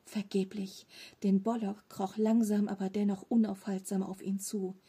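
A woman narrating a children's audiobook in a steady storytelling voice. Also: mid-range voice, normal speed, husky. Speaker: audiobook reader.

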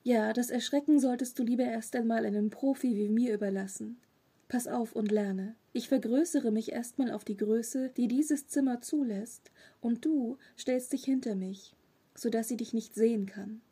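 A woman's voice: a little high, normal speed, dark tone, slightly rough. A woman reading a storybook, voicing a curious, naive male three-eyed monster who explains things matter-of-factly. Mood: explaining.

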